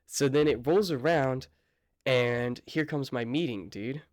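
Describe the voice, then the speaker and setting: A young man tells a story to his viewers in a relaxed, slang-filled way, often pausing to apologize or check in with them. His voice sits at an ordinary middle pitch. The recording is dry, with no room sound around him. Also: no echo. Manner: slangy, laid-back, apologetic asides. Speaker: vlogger. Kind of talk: casual storytime vlog.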